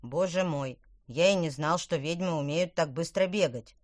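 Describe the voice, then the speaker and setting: A woman's voice: low voice, moderate pace, no room sound, clean studio sound, close to an everyday voice. A woman reading a storybook, voicing a small, anxious male apple man who fusses and corrects others. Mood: breathless.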